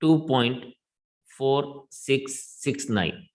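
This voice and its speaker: Slow, deliberate man teaching math. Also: medium pitch. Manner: slow, deliberate, mixes Hindi and English. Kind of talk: classroom lecture.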